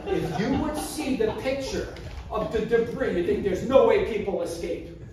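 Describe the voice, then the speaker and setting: Animated man telling a story in an echoey hall. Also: high-pitched, normal speed, distant mic, slight background noise. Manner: animated, acts out scenes with gestures. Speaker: public speaker. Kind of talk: storytelling speech. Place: community hall, indoors, large room. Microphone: far camera, no mic.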